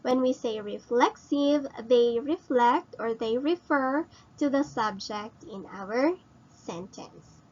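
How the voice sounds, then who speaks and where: A woman teacher slowly explaining grammar in a recorded lesson, asking her students questions and repeating points. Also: a little high, a little mellow, dull audio. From Philippines.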